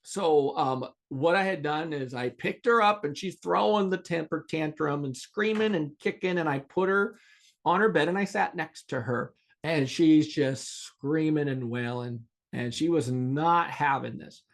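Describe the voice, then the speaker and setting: Gravelly-voiced man telling a teaching story. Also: on the high side, a little slow. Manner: earnest, animated storyteller with restarts. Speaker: podcast host.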